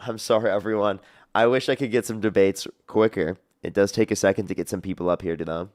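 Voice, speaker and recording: Man, livestream host, quick delivery, lowish voice, repetitive patter. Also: steady tone, a little mellow. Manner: fast, repetitive call-screening patter. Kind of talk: casual livestream talk.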